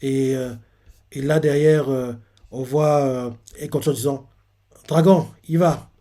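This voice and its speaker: A man's voice: mid-range voice, flat delivery, unhurried, warm tone. A man casually retelling a manga chapter in a rambling, filler-heavy way as the host of a reaction channel.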